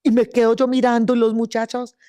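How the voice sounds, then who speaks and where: A woman's voice: on the high side, level tone, a little fast, dark tone, no room sound. A Colombian woman telling her story as an interview guest, vivid and full of restarts and repeated words. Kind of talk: personal testimony in an interview.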